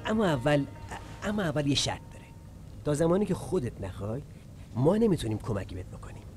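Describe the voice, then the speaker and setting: High bouncy sidekick voice, teasing and coaxing, music under. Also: male voice, sing-song, a little mellow. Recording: film soundtrack music behind.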